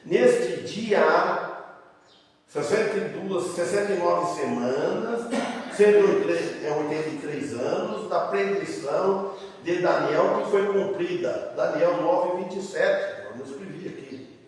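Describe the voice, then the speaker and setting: High-voiced pastor preaching in an echoey church. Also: male voice, takes it slowly, a little hiss or hum. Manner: plain conversational preaching, addressing the congregation as brothers; breaks off words and restarts. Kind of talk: sermon. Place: church sanctuary. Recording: echoey church hall, mic far off.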